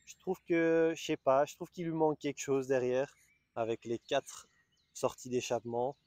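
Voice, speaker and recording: A man with a Belgian French accent does a casual car walkaround, chatty and enthusiastic but often restarting hesitantly. His voice is mid-range and darkish at normal speed, picked up dry by a small camera-mounted mic.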